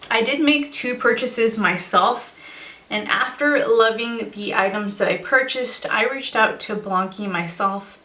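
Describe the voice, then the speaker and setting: A young woman with a fairly high voice chats through a casual clothing review. She speaks slowly and is slightly out of breath, with conversational pauses. The sound is roomy and echoey. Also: sharp tone. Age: young adult. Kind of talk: casual product review chat to camera. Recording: roomy echo, distant microphone.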